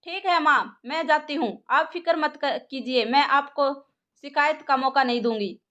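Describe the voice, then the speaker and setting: A woman's voice: sits high, moderate pace, a bit bright, dull audio. A woman voicing an eager, shy young woman in love in an audio story. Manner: hesitant, sweet.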